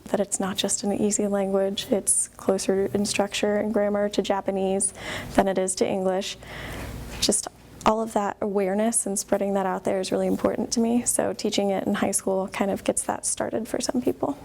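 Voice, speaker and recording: A young woman teacher talks earnestly and positively in an interview. Her voice is gravelly and fairly flat. Faint background noise sits under her. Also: medium pitch, normal speed. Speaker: sign language teacher.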